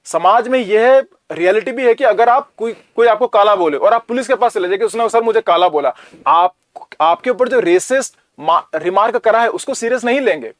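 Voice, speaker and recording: A man's voice: high-pitched, moderate pace, dry recording. A man from North India lecturing as a teacher, talking in a conversational way and often asking rhetorical questions. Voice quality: Hindi mixed with English, conversational.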